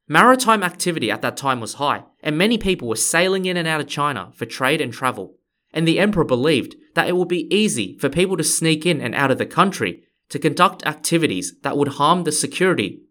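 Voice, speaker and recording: A man's voice: fairly high pitch, fairly bright tone. A man hosting a history podcast, reading scripted narration with playful, conversational asides to his listeners.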